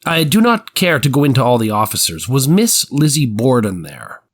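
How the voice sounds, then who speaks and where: Playing an 1890s prosecuting attorney in a dramatized courtroom transcript reading, a man with a medium-pitched, slightly rough, sing-song voice questions a witness at a moderate pace. His probing, formal questions are precise and methodical.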